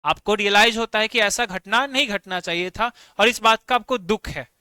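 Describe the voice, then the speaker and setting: Guy teaching english words online, high bright voice, super dry close sound, keeps saying theek hai. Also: normal speed, smooth, no room sound. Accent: Bihari Hindi. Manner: explains with everyday examples, repeats "ठीक है" often. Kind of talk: online vocabulary lesson.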